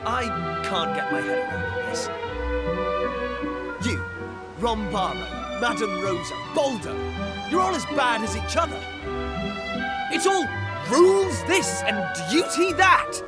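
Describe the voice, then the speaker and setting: A man's voice: very high-pitched, very animated, slow pace, pauses often, heavily acted. A man playing a blunt, impulsive young prince in a video game, speaking expressively and informally. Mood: indignant, exasperated. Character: young prince, impulsive, outspoken, loyal adventurer. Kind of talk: video game cutscene voice acting. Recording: game music behind.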